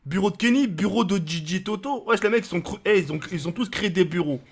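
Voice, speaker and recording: A young male gamer talks over his live stream in a loud, rowdy, slang-heavy way. His pitch sits a little high and swings around a lot as he jokes with friends. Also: expressive, quick pace, breathy edge. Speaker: gaming streamer. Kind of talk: casual live-stream chat.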